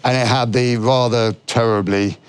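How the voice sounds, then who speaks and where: A man's voice: mid-range voice, steady tone, normal speed, clear, resonant tone, no echo. A man from Yorkshire co-hosting a casual car podcast, joking and telling stories. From Yorkshire, England. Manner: jokey, storytelling, self-deprecating. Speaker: podcast co-host. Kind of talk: casual chat about cars.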